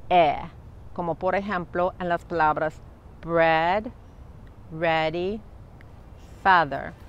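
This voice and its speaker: A woman narrating a pronunciation lesson in a clear, scripted, instructional style. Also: fairly low pitch, fairly even intonation, slow, lo-fi sound, slight background noise.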